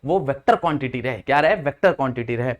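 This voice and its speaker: A man's voice: mid-range voice, expressive, highs cut off. A young man teaching a physics lesson in Hindi with English terms, repeating each point and quizzing his students. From India. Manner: slows sharply on English formula lines. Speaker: physics tutor. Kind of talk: classroom lecture mixing Hindi and English.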